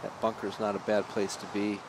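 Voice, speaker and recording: A man's voice: on the low side, little pitch movement, a little fast. A man commentating on live golf as an analyst, in conversational, technical, clipped phrases. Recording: clear outdoor course noise behind.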